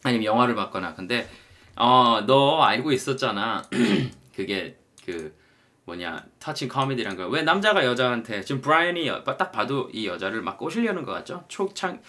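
A man's voice: mid-range voice, very animated, moderate pace, bright, forceful tone. A man teaching English in a casual online lesson, chatting and acting out short example lines.

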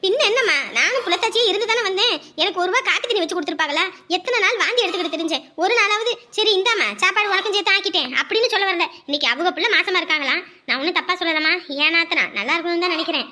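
Brief: woman playing a high, fast, complaining young wife. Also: pushed and bright. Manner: complaining, whiny.

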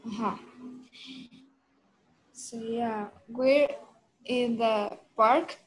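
A woman student in an online English class, answering hesitantly with pauses and fillers over a video call. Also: fairly high pitch, steady tone, breathy edge, poor audio.

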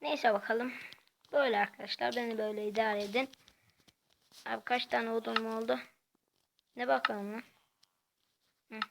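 Soft-spoken woman with vocal fry. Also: on the high side, fairly even intonation, noisy background. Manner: talks quietly and softly; halting, hesitant delivery. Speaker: gaming channel host. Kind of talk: casual gameplay commentary.

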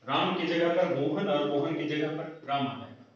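A man's voice: on the high side, normal speed. A male English teacher giving a grammar lesson, explaining step by step and answering his own questions. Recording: echoey, distant, dull lo-fi room sound.

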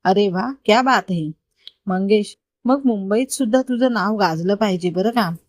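A woman's voice: medium pitch, moderate pace, no room sound, studio quality, close to an everyday voice. Woman reading as a kind, confident older brother figure. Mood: kind, coaxing. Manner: patient, gently persuasive explaining. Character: kind, confident grown man mentoring a boy. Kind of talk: storytelling read-aloud.

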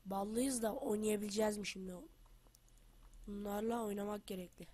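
Excitable woman trash-talking during a game. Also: medium pitch, fairly quick. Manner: excitable trash talk, drops to quiet muttering. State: has the flu. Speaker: gaming channel host. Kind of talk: casual gameplay commentary.

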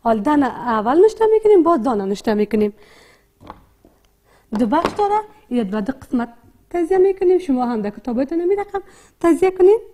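A woman teaching a reading lesson with an Afghan Dari accent, slowly breaking words into syllables and sounds and repeating each one. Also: high-pitched, very animated, warm tone. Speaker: primary school teacher. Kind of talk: slow, repetitive literacy lesson.

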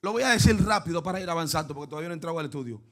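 A man preaching a fervent sermon, dropping to hushed asides and then breaking into shouts while he quizzes the congregation. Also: a little high, lively intonation, racing. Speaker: pastor. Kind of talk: lively Pentecostal sermon.

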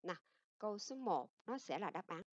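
A middle-aged woman teacher with a Vietnamese accent talks through a grammar lesson, slowing down to read each English example. Her voice sits at a medium pitch. It comes through a dull, lo-fi recording with a dry, close sound. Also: expressive, no echo. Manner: explains in Vietnamese and reads English examples slowly.

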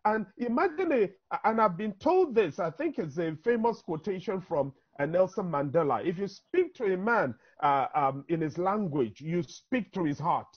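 A Nigerian-accented man in his 50s gives an impassioned speech as a panelist in an online town hall, speaking over a video call from an indoor room. His high, husky voice swings widely in pitch at a moderate pace with few pauses, laying out points in an emphatic, teacherly way. The sound is dull, like a low-quality call.

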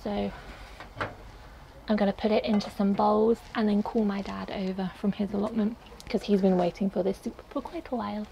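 A woman's voice: medium pitch, steady tone, normal speed, gravelly, dark tone, a little hiss or hum, poor audio. A young woman casually talking through a recipe step by step as she cooks in a small potting shed kitchen, picked up by a camera mic a short way off. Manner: chatty, explains each step while cooking. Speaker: cooking vlogger. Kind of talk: casual cooking demonstration.

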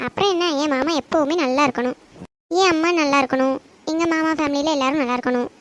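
A woman's voice: sits high, quick pace, lightly acted. A woman voicing an earnest young village woman in love, chatty, with a southern Tamil accent. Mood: dreamy.

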